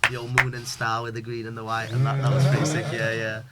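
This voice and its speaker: Amid very noisy audio, a young Pakistani man talks quickly with a flat delivery and medium pitch. He's a wrestler guesting on a casual podcast, and his chat is rambling, filler-heavy, and laced with British slang.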